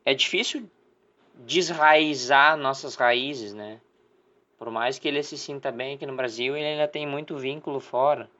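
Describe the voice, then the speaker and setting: A podcast co-host from southern Brazil talks in long, rambling stretches, packed with fillers and restarts. His mid-range voice is bright and forceful, moving at a moderate pace. The podcast audio sounds slightly dull, with faint music behind him.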